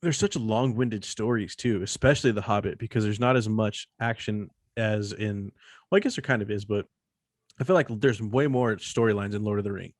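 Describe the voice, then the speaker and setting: A man's voice: fairly low pitch, normal speed, dry recording, clean studio sound. A man co-hosting a casual podcast, slangy and profane, joking with his co-host. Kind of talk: casual chat.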